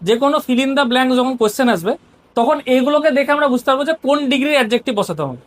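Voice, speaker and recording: Brisk Bengali-accented woman teacher. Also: high-pitched, animated. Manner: explains step by step, often asks "ঠিক আছে?". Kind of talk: grammar lesson explanation.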